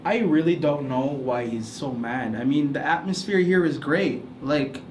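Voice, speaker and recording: A man's voice: fairly high pitch, measured pace, a little hiss or hum, natural voice. A young man playing a teasing, pushy prankster who rambles in an offhand way. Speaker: prankster actor in an improvised film. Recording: roomy echo with loud music behind.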